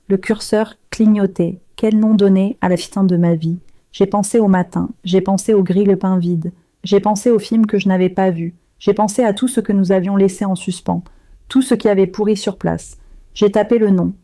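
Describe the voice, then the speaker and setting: A woman narrating a first-person story in a measured, grave and emotionally restrained way. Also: mid-range voice, mellow, no room sound.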